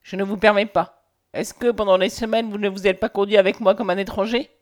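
A woman's voice: medium pitch, fairly even intonation, fairly quick, close to an everyday voice. A woman voicing a proud, indignant young woman who protests vehemently against a man's passion, in a read-aloud novel.

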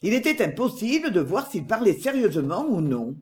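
An audiobook narrator giving a measured, expressive reading of a novel. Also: mid-range voice. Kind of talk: literary narration.

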